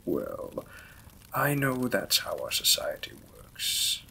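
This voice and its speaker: Reflective and tender, the courteous vampire lord and gentle new husband of this Victorian romance audio drama is played by a man at medium pitch, with big pitch swings and heavily acted lines. He speaks slowly, formally and politely, with a reserved manner, a crisp, bright edge and creaky fry. The recording is low quality, with clear noise behind it.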